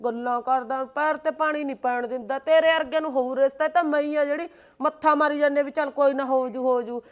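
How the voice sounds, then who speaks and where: A woman playing a scheming, high-voiced village bhabi. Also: steady tone, highs cut off, natural voice. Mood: scolding. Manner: bossy, wheedling, quick to scold. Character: scheming sharp-tongued village sister-in-law, middle-aged. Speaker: bhabi in a comedy skit. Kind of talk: comedy skit acting.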